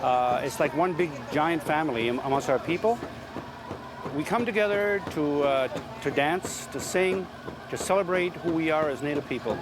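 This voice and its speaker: A man who works as a powwow emcee, explaining things haltingly in a casual interview, often repeating words. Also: a little high, expressive. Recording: clear outdoor background noise.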